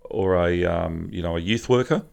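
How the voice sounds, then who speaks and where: A man explaining where charity funds go in a casual podcast chat, halting with frequent ums and restarts. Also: low-pitched, gravelly, a little mellow. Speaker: charity representative.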